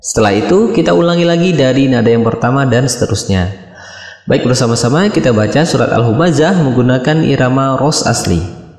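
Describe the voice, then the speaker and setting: A man with a mid-range voice calmly explains recitation melodies as a teacher. His voice rings in a roomy space with a long echo. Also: medium pitch, fairly quick. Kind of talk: online tutorial. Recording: echoey room with long reverb.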